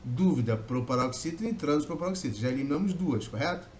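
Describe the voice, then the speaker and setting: Male teacher from Brazil, exam-prep grammar lesson, slightly high voice, stretches key words, faint hiss. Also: animated. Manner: explains step by step, stretches key words slowly. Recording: faint background noise.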